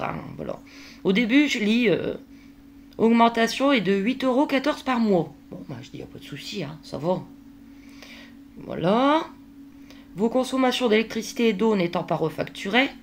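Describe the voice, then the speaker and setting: A woman speaks straight to her camera in a casual daily vlog, worn out and exasperated, filling her talk with little hesitations. Her voice sits low with a gravelly edge. A faint hiss runs under the recording. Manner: exasperated, venting, many fillers and hein. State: worn out, at the end of her tether. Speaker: vlogger.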